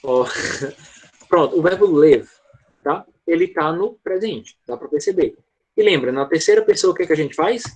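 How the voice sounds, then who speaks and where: A husky-voiced English teacher, his pitch a little high for a man, runs an online class over a computer mic. He explains grammar patiently, checks in with students constantly and slows right down to model each English word, sounding expressive and a little mellow.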